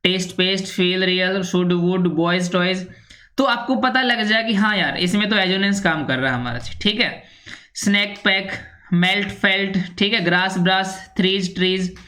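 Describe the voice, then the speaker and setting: Woman, English teacher, patient and repetitive explainer, mid-pitched voice. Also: normal speed, a bit bright. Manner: repetitive, with constant "theek hai" and "ji" fillers. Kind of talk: explanatory lesson.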